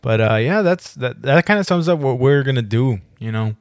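A man's voice: medium pitch, expressive, normal speed, no room sound. Young male co-host, loose, joking banter, dry booth sound. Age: young adult. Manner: loose and joking, swears, laughs often. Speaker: podcast co-host. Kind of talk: casual podcast chat.

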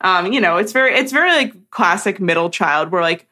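A woman's voice: medium pitch, lively intonation, a little fast, sharp tone. A young woman co-hosting a podcast, telling stories in casual chat with lots of "like". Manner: chatty storyteller, heavy use of "like". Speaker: podcast co-host.

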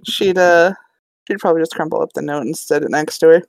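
A woman playing a tabletop role-play game, speaking in and out of character in a lively, giggly way. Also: low voice, quick pace, gravelly, no room sound. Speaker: player.

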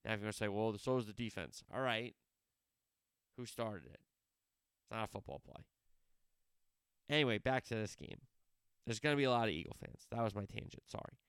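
A man with a slightly low, very smooth and resonant voice runs a solo sports podcast. He previews games casually and keeps drifting into side stories before pulling himself back. He corrects himself mid-sentence, and the sound is close and dry. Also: expressive, brisk, pauses often, fairly bright tone, no room sound. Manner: rambling, goes off on tangents and corrects himself mid-thought.

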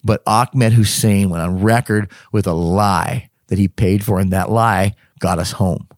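Low-voiced man telling an animated story. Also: unhurried, dry recording, studio quality. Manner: animated, acts out dialogue, laughs mid-sentence. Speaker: guest telling a personal story. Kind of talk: casual spoken storytelling.

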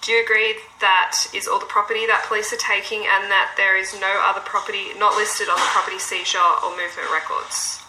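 A woman's voice: medium pitch, little pitch movement, fairly quick, few pauses. A woman police constable reading set questions in a formal recorded interview, heard as a played-back police interview recording. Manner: procedural, reads set questions with fillers. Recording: echoey room with faint background noise.

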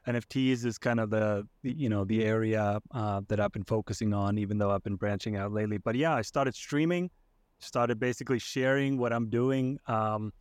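Thoughtful guest from Iceland, dry sound. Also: male voice, fairly low pitch, fairly even intonation, moderate pace, no room sound. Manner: hesitant, many fillers and restarts, thoughtful. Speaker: podcast guest. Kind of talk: casual conversation.

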